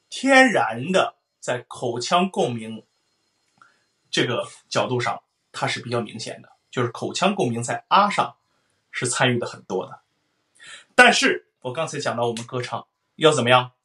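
A male voice teacher gives a singing lesson with a bright, forceful tone. He explains how resonance works and keeps singing loud vowel sounds to show it. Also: medium pitch, sing-song, normal speed. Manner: explains then sings vowels, loud sung demonstrations.

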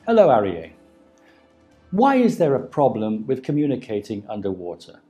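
A man's voice: mid-range voice, wildly swooping pitch, normal speed, mellow, faint music behind. A man in his fifties hosting a scripted broadcast interview in a TV studio, speaking into a lapel mic. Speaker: interviewer and programme host.

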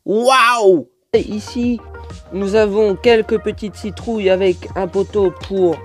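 A man's voice: sits high, fairly even intonation, measured pace, warm tone, soft background music. A man with a French accent casually reviewing a toy set, hesitant with many fillers and lots of detail.

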